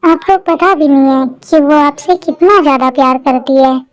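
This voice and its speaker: A woman's voice: high voice, normal speed, natural voice. A woman voicing a bold, outspoken young woman friend in a fan-made dubbed drama. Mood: urging. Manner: outspoken, pushy.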